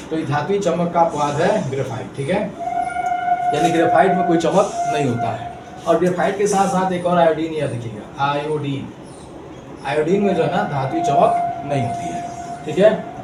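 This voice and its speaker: A man with a slightly high voice teaches a chemistry lesson in with a tinge. He repeats every point and drills students with rhyming memory chants. The recording is roomy and distant, with a faint hum behind him. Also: darkish tone. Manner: repeats key points with frequent "ठीक है". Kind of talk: chemistry class explanation. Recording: echoey room, mic far off, faint background noise.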